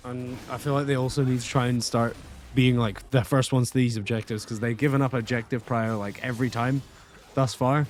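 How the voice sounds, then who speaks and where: A man's voice: mid-range voice, steady tone, a little fast, a little hiss or hum. A man giving casual, chatty color commentary and analysis on a live esports match. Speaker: esports co-caster.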